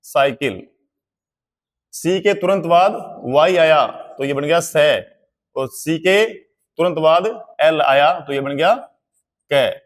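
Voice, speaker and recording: Speaking at a fairly high pitch, a man gives a slow classroom-style explanation of English pronunciation, spelling out each word letter by letter and going over examples again.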